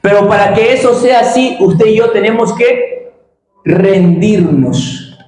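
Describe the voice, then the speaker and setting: A man preaching a sermon as pastor, slowing down for emphasis and sometimes breaking into shouts. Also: high-pitched, slight background noise. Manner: impassioned preaching, shifting between slow emphatic phrases and sudden shouts. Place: church. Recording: very echoey church sanctuary.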